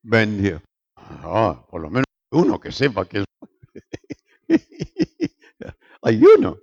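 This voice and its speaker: An older man with a Rioplatense Spanish accent, a pastor giving an animated, joking sermon full of rhetorical questions. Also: on the low side, drawn-out words, gravelly, highs cut off.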